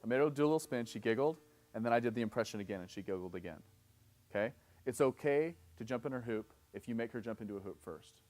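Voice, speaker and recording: Speaking fast with a darkish, expressive medium-pitched voice, a thirtysomething man delivers a live seminar lecture. His step-by-step explanations are dotted with "okay?" check-ins, and he performs both roles in example dialogues.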